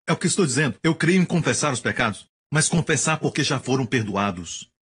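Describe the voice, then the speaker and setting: A man preaching a sermon, emphatic and animated, acting out the quotes he tells. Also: medium pitch, a little fast, breathy edge.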